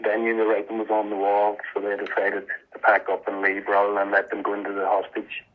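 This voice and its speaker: A man giving an earnest, halting, emotional personal account as a guest in a radio interview. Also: fairly low pitch, monotone. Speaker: interview guest, activist volunteer. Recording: muffled, band-limited radio interview sound.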